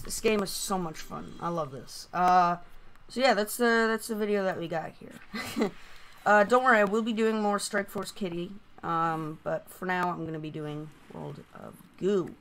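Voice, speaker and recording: A woman giving casual, rambling gameplay commentary through a voice changer, halting and prone to excited exclamations. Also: mid-range voice, a little hiss or hum. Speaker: gaming video host.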